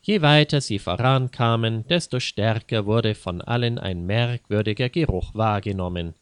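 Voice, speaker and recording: A man narrating a story in a measured, deliberate reading. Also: fairly low pitch, clean tone, no echo.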